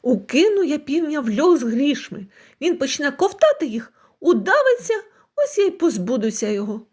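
A woman's voice: high voice, big pitch swings, normal speed, darkish tone. A woman voicing an arrogant, angry rich landlord in a folk tale, giving blustering commands. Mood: angry commanding.

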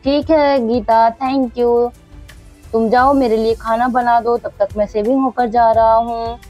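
A woman voicing a young husband who cries loudly for help after cutting himself shaving, in a doll story. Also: on the high side, fairly even intonation, unhurried, soft background music. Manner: loud pained cries for help. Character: panicking young husband with a bleeding shaving cut.

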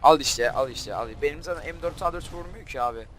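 A young man hosting a gaming channel, giving casual gameplay commentary and quickly flaring up in frustration. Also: a little high. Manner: frustrated, quick to flare up and shout at the game.

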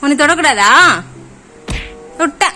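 High-voiced woman coaxing her cats. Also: lively intonation, measured pace, pushed and bright. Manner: coaxing, teasing baby talk to her cats. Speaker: cat-owner vlogger. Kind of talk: casual chat to camera and pets. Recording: music playing under the voice. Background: background music.

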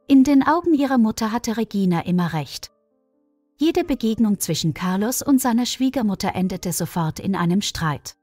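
A woman reading a scripted story in a calm, even storytelling manner. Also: mid-range voice, moderate pace, dry recording. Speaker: narrator. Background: faint music.

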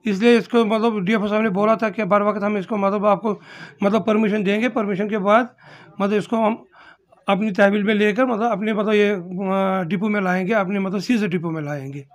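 Hesitant middle-aged official, high voice. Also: male voice, steady tone, moderate pace. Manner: hesitant, full of fillers and restarts, defensive. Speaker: forest range officer. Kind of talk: interview answers. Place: indoor office. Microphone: handheld mic held in front.

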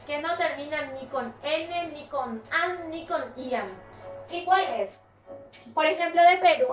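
A Paraguayan woman with a high voice takes her class through a recorded English lesson, going slowly and repeating each word. She sits some way from the mic in an echoey room, with faint music behind her. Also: fairly bright tone, far from the mic. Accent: Paraguayan Spanish. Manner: slow, explaining patiently, repeating words. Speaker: English teacher.

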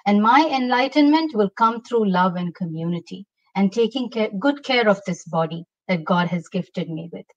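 A woman's voice: mid-range voice, normal speed, hardly any pauses. A middle-aged woman from India, a health coach, explaining ideas expressively as a guest on a video-call interview from her home. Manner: expressive, gestures while explaining. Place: home room. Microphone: laptop mic on a video call. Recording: dull lo-fi video-call audio.

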